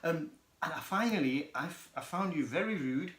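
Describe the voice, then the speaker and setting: A man's voice: on the high side, lively intonation, normal speed, a bit bright. A man playing a stiff job interviewer who hesitates with ums while delivering bad news. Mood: stiff formal. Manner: hesitant, formal, many ums. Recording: echoey room.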